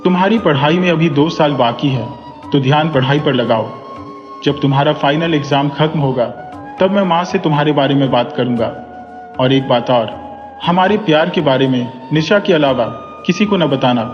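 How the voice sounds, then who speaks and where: A man's voice: on the high side, normal speed, lightly acted. A lovestruck young professor, playful and coaxing, delivered in a man's ordinary mid-range voice, as the narrator puts him on. The recording is dull and echoey, with faint music beneath it. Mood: affectionate. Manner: warm, coaxing, teasing.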